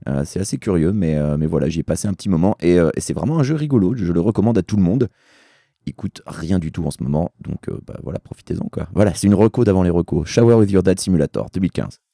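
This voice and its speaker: A tired man with a voice gone hoarse from yelling at karaoke, chatting casually and at length as a talk show guest with dry, self-deprecating humour. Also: sits low, expressive, fast, dry recording. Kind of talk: casual rambling chat.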